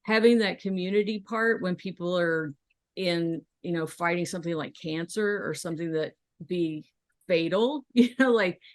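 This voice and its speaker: An American woman being interviewed, telling personal stories in a halting, conversational way as she thinks aloud. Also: on the low side, no room sound. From Kentucky, United States. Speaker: podcast guest, documentary filmmaker. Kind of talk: casual interview, personal storytelling.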